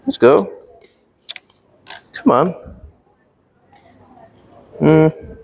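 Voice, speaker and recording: Speaking very slowly with vocal fry, a man with a fairly high but darkish-toned voice and lively intonation teaches English in a playful, casual workshop, often checking in with students. The large reverberant university hall gives the recording a long, echoing reverb.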